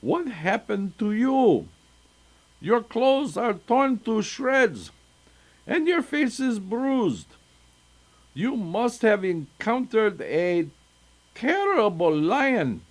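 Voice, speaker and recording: A man's voice: high voice, sing-song, very slow, voice pushed up, full character voice. A man playing a fussing old village sage. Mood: urgent. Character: old male village sage, anxious and questioning.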